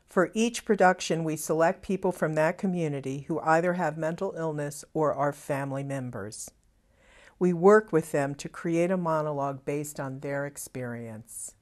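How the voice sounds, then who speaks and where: A woman who founded a theater program, calmly and earnestly explaining how it began and what it does. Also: deep voice. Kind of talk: interview narration.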